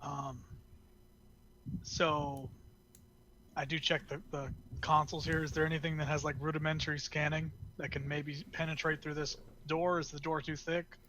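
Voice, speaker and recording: A man playing a tabletop game over a call, relaxed and a little hesitant. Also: on the high side, normal speed, a little hiss or hum, low-quality recording. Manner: relaxed, hesitant, lots of fillers. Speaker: player.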